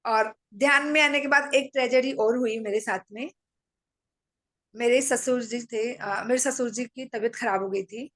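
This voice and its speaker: A middle-aged woman calmly tells a personal story to a meditation audience, speaking matter-of-factly and acting out her own lines in conversations. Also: on the high side, normal speed. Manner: calm, matter-of-fact storytelling with quoted dialogue.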